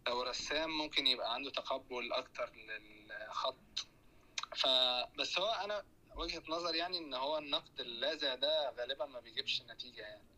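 A man with an Egyptian accent hosts a relaxed audio chat and asks his guest questions. His voice has a very sharp, tense edge, and his words come out quickly. He sounds like he is on a phone mic. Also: medium pitch, poor audio. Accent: Egyptian Arabic. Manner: easygoing, explaining, asks questions. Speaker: host. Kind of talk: casual interview chat in an audio room.

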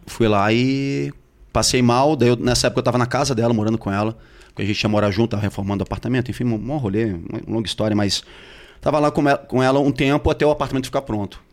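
A man's voice: medium pitch, steady tone, fast. A man telling a personal story in casual slangy chat.

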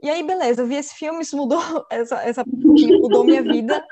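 A woman's voice: high-pitched, a little fast, a crowd in the background. A woman co-hosting a podcast, chatting casually and acting out film scenes as she tells them. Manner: animated storyteller, acts out film scenes in voices; upbeat, self-described positive person. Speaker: podcast co-host.

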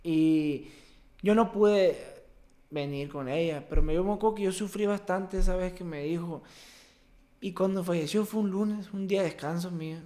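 Appearing as a podcast guest, a young baseball player from Mexico shares a personal story in casual interview style. His voice is high and mellow, and his delivery is emotional and halting, full of restarts.

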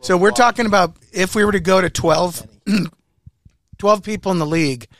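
A man co-hosting a casual chat, asking halting, skeptical questions. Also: high voice, a bit bright, no room sound.

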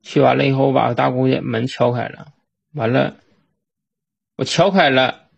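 A man with a Northeastern Mandarin accent, recalling a family memory in a halting, repetitive way with frequent restarts. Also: mid-range voice, steady tone, gravelly, husky. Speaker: storyteller. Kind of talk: personal reminiscence monologue. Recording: dull lo-fi recording.

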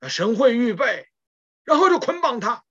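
A woman's voice: fairly high pitch, big pitch swings, moderate pace, breathy edge, highs cut off. A woman preaching a sermon, retelling scripture stories with emphatic rhetorical questions.

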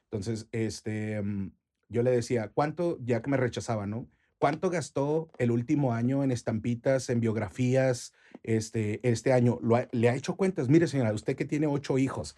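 A man's voice: medium pitch, normal speed, dark tone. A Mexican man in his forties, a podcast guest telling anecdotes with frequent fillers and restarts. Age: 40s. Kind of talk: casual podcast interview.

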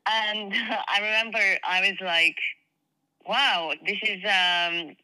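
A woman's voice: mid-range voice, fairly even intonation, slow, pushed and bright, clean tone, low-quality recording. A young woman from Croatia with a Croatian accent, answering interview questions hesitantly with many fillers. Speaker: guest actress. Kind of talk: casual interview chat.

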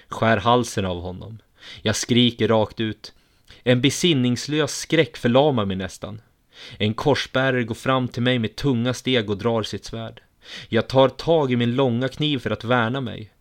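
A man reading a first-person story aloud in a steady, measured way. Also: medium pitch.

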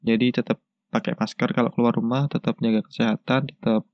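Stuffy-nosed man, flat halting podcast talk. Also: mid-range voice, no echo. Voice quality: stuffy, congested nose from a cold. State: has a cold with a blocked nose. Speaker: podcast host. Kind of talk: casual solo podcast talk. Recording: dull lo-fi, dry sound.

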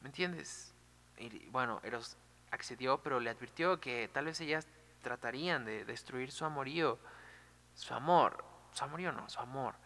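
A man retelling a myth in an animated, chatty way, full of fillers. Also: medium pitch, normal speed, in a large hall. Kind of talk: casual storytelling.

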